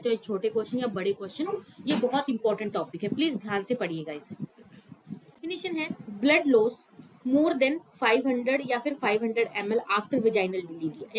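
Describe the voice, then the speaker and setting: Woman tutor, fairly high voice, slightly muffled recording; patient, repetitive exam coaching. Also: a little hiss or hum. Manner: explains in Hinglish, repeats terms, frequent fillers. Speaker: nursing tutor. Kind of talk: exam-prep lecture.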